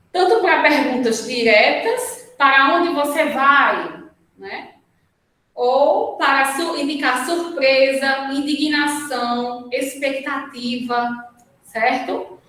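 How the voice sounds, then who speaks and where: Brazilian woman teacher, slow and patient delivery, keeps checking in with the class; far-off mic in a roomy classroom. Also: high voice, fairly bright tone. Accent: Brazilian Portuguese. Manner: patient, checks in with "certo?" and "tá?" after each point. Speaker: Portuguese grammar teacher. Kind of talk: remote lesson at a whiteboard. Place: classroom or studio with a whiteboard. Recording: very echoey room, mic at a distance.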